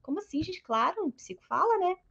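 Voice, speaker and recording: A woman psychologist giving a lively motivational talk to colleagues, telling stories and acting out her patients' lines. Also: very high-pitched, a little fast, gravelly, lo-fi sound. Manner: storytelling, acts out patients' lines in a raised voice. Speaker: psychologist and course mentor.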